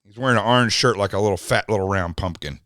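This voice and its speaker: A man's voice: on the low side, quick pace, fairly bright tone, no echo, clean studio sound. A man hosting a podcast, talking in an indignant, mocking, rambling way about a news clip. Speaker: podcast host. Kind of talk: opinionated commentary.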